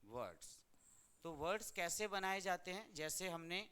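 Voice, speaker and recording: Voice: medium pitch, sing-song, measured pace, sharp tone, smooth. A teacher from India giving a grammar lesson, who keeps asking the class questions and answering them.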